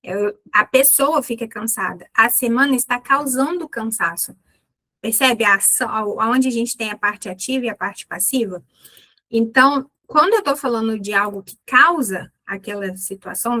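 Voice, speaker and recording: A Brazilian woman teaching an English lesson, explaining in a clear instructive way and repeating English words slowly for practice. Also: a little high, sharp tone. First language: Portuguese.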